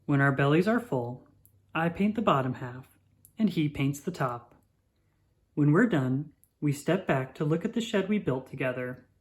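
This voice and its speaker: Expressive and measured, this narrator reads a children's picture book aloud in a voice of middle register.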